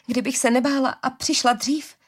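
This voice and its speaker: A woman's voice: high voice, fairly even intonation, voice pushed up. Arila, a remorseful young woman read by a woman. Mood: tender.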